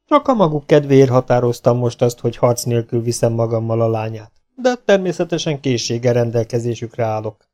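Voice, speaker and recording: A man's voice: medium pitch, animated, darkish tone, close to an everyday voice. Cocky outlaw gunslinger, mocking, self-assured, voiced by a man reading a novel.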